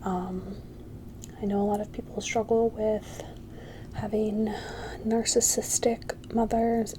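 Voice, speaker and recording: A woman giving a whispered ASMR pep talk, soft and halting, reassuring and encouraging. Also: medium pitch, background noise. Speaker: ASMR creator.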